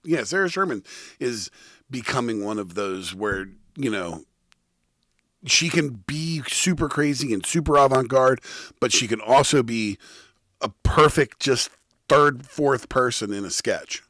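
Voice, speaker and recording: A man's voice: mid-range voice, animated, measured pace, a bit bright, no room sound, studio quality. A man co-hosting a podcast in casual chat, hesitant and searching for words. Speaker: podcast co-host.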